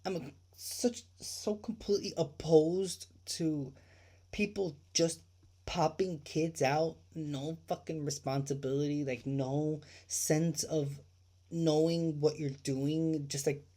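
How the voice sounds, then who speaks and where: A man's voice: fairly high pitch, steady tone, slow, warm tone. A man hosting a true crime livestream, ranting indignantly with swearing and rhetorical questions, repeating his points.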